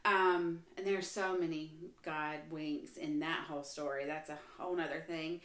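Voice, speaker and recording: A woman's voice: low-pitched, steady tone, normal speed, fairly bright tone, reverberant. A woman who is a guest on a faith podcast, telling her story in an earnest way, with frequent restarts and fillers.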